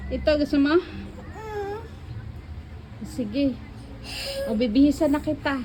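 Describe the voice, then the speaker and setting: A woman's voice: sits high, takes it slowly, warm tone, slight background noise. A mother at home filming her small child on a phone, coaxing, apologizing and soothing in a laughing way while mixing Tagalog and English. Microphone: phone camera.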